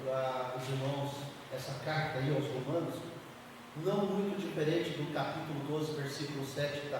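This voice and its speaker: A man preaching a sermon as an evangelical bishop, emphatic, asking the congregation questions and answering them himself. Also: on the high side. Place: church hall. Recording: echoey hall from far off, faint noise.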